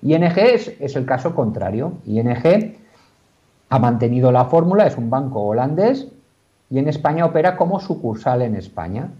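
Through the muffled, lo-fi audio of a video call, a lawyer explains a legal question from his office with patience, frequent fillers, and restarts. His mid-range voice is mellow, dark, and animated, moving at normal speed.

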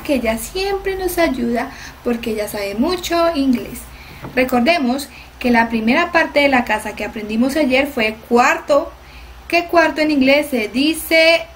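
A woman English teacher, giving a cheerful, clear lesson to young children. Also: sits high, fairly bright tone, slight background noise.

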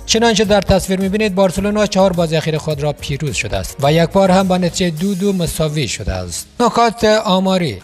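A man's voice: high voice, animated, hardly any pauses, faint music behind. A man narrating scripted football news in a formal newsreader manner, as a studio voice-over.

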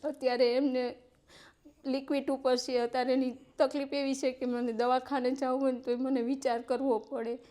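High, pleading woman. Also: flat delivery, normal speed, mellow. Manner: pleading, tearful at times. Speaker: interviewee seeking help. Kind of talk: emotional plea in an interview.

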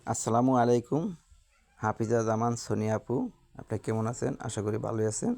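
A woman lifestyle vlogger with a Bangladeshi Bengali accent reads through viewer comments. Her voice has a gravelly, creaky edge and stays on a fairly flat, even line. She speaks slowly and earnestly, thanking each person by name. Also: extremely low pitch.

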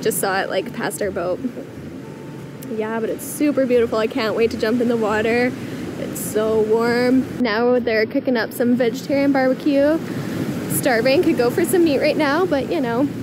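A woman's voice: fairly high pitch, fairly even intonation, moderate pace, background noise. A woman in her twenties chatting casually to a camera at arm's length outdoors on a beach. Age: 20s. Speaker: vlogger. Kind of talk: casual travel vlog.

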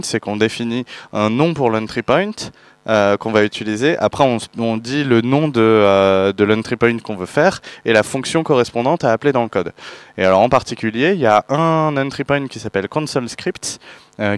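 A man's voice: fairly low pitch, clean tone, no echo. A man from France giving a technical conference talk, hesitant, with many fillers and restarts. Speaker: conference speaker.

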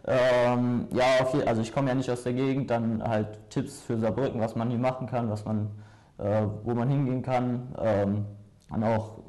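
A man's voice: mid-range voice, steady tone, normal speed, dark tone. A young man from Spain giving short, hesitant answers with many fillers as a studio guest. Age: young adult. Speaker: student mentor, guest.

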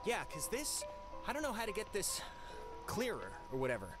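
A man voicing an anxious teenage boy in a video game, talking casually and haltingly in a naturalistic style. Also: sits high, wildly swooping pitch. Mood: anxious, pleading. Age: young adult. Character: anxious teenage boy, joking, pleading, hesitant. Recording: music under the voice.

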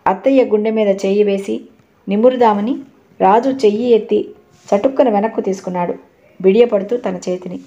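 A woman reads a novel aloud in a steady, measured storytelling voice. Her tone is mellow and soft-edged. The recording sounds dull and lo-fi. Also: mid-range voice. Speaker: audiobook narrator. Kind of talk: scripted narration of a novel.

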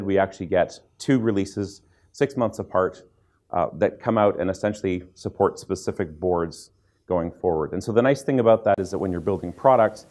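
A man's voice: on the low side, darkish tone. A man teaching a conference seminar, explaining at length with frequent fillers, restarts and asides to the audience. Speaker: seminar instructor. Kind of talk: technical conference lecture.

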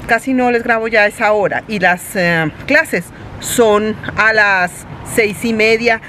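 A woman's voice: mid-range voice, unhurried, bright, forceful tone, slight background noise. A woman in her forties chatting casually to her phone camera from a parked car, talking loosely with rambling asides. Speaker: vlogger. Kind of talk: casual vlog chat. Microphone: phone at arm's length.

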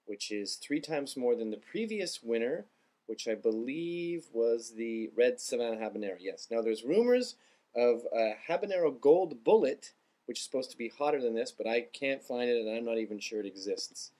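A man's voice: mid-range voice, animated, moderate pace, mellow. A man in his thirties explaining things casually to the camera as a vlogger. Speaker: vlogger introducing a taste test. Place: small indoor room lined with bookshelves.

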